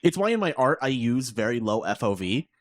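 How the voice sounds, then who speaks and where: A man's voice: medium pitch, very animated, fairly quick. A man in casual podcast chat, venting in a rambling, exasperated way and piling on fillers as he explains. His voice sits in a middling register and comes through his own mic on an online call. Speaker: podcast co-host.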